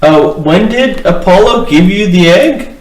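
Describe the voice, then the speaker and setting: A man's voice: high voice, lively intonation, a little slow, slight background noise. A man playing a tabletop game, offhand and joking. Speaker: player. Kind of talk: tabletop role-play. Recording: echoey room, far from mic.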